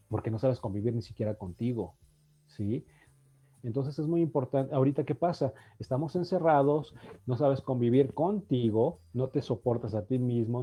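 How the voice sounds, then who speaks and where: A man's voice: mid-range voice, mellow. A man from Mexico, speaking as a radio host, gives an earnest motivational talk and keeps checking in with his listeners. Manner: earnest, repetitive, asks "¿sí?" often. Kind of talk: motivational talk on mind and health.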